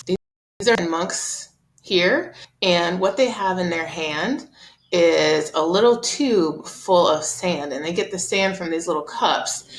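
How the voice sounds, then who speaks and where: A woman with a low voice talks students through an art lesson over slides. She explains in a relaxed, chatty way, often pausing on um and uh. The recording is roomy and echoey. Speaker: art teacher. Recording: roomy echo.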